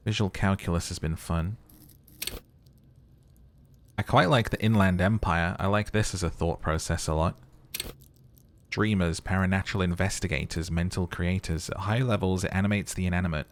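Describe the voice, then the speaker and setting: Deep and steady, this man's voice moves at a moderate pace broken by long pauses. He's hosting a game playthrough, alternating between muttered casual remarks and dramatic readings of in-game text, thinking out loud and humming along the way.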